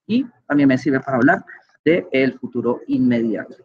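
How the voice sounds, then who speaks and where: A man's voice: mid-range voice, animated, normal speed, slightly rough, highs cut off. A man giving an online grammar lecture as a teacher, patient and explanatory, often checking in with his listeners. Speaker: English teacher.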